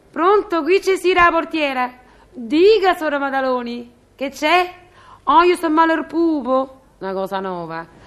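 A woman's voice: a little high, fairly bright tone, close to an everyday voice. A woman as a gossipy Roman doorkeeper. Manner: chatty, sarcastic, mock-polite on the phone. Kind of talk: radio comedy monologue.

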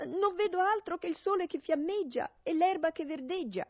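A woman's voice: lively intonation, moderate pace, no room sound, lo-fi sound. A woman voicing an anxious young sister on a tower. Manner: calling out, high and strained.

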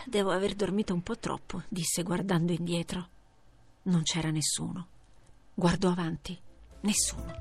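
Expressive woman reading a fable. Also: fairly low pitch. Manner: expressive, lively storytelling. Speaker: storyteller. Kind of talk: fairy tale reading for children.

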